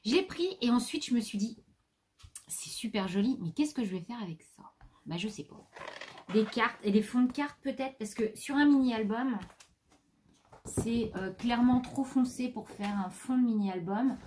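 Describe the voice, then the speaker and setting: A chatty French craft vlogger shows her haul in a casual show-and-tell, rambling and chatting to her pet. Her voice leans high, a little mellow, at a moderate pace, with faint background noise.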